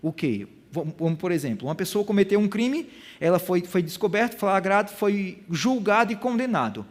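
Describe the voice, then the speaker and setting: A man's voice: high voice, animated, normal speed. A man teaching a Bible lesson in sermon style, asking the audience questions and acting out quoted voices, with a Brazilian Portuguese accent.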